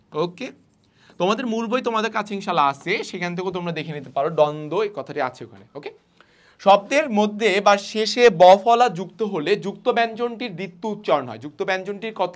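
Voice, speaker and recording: Young man, high voice, online class, answers his own questions, repeats example words. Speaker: teacher.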